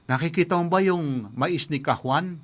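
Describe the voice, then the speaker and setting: Male preacher as scheming farmer father, hushed and coaxing, storybook aside in a sermon. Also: on the high side, normal speed.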